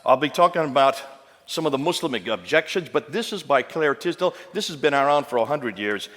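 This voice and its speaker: A man's voice: on the high side, animated, a little fast, fairly bright tone. Guy giving a public lecture, hammers and repeats his points, voice ringing around a big echoey hall. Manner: emphatic, punchy, repeats phrases for effect. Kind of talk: public lecture to a live audience. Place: large hall with an audience. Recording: long hall reverb.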